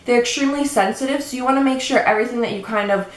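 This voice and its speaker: A woman's voice: on the high side, racing. Breathless, chatty young woman vlogger. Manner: chatty, explains products step by step. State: a little out of breath. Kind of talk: casual show-and-tell vlog. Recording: echoey room with faint background noise.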